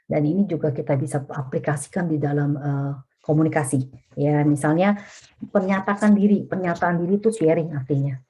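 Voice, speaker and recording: A woman's voice: low voice, fairly even intonation, a little fast, dark tone, slightly rough. A middle-aged woman, a vicar, teaching a family webinar in a casual, colloquial way, often addressing her listeners directly.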